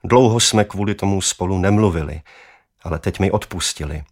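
A man voicing an earnest father who speaks slowly and carefully in a storybook reading. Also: sits low. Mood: serious. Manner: slow, careful telling. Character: earnest father of a young boy, calm and confessing.

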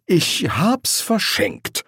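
A man voicing a fussy, anxious, soft-hearted male angel who hesitates and stammers in an audiobook reading. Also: a little high, wildly swooping pitch, measured pace, slightly rough, no room sound, clean studio sound, pitched above the performer's own voice, exaggerated voice. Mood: defiant.

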